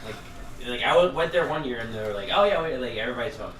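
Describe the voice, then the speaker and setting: A man's voice: mid-range voice, animated, rapid-fire, a crowd in the background. A man who streams online, telling loose stories in casual chat with friends, full of fillers and "like". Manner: loose, filler-heavy storytelling. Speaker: livestreamer. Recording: distant mic, roomy, noisy.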